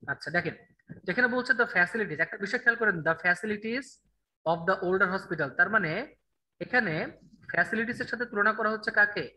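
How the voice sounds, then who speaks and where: Man, high bright voice, grammar teacher, asks and answers his own questions. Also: low-quality recording. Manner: drills answers with rhetorical questions, reads options slowly. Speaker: English teacher. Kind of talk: online grammar class.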